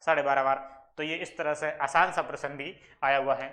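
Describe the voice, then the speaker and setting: Guy teaching exam maths step by step, high voice, bright and sharp, answers his own questions. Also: fairly even intonation, a little fast. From Rajasthan, India. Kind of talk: exam-prep maths lesson.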